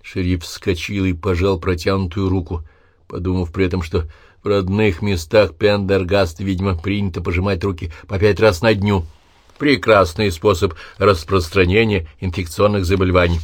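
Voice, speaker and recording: Deep-voiced man narrating an audiobook. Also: level tone, moderate pace, dry recording, studio quality. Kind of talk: scripted narration.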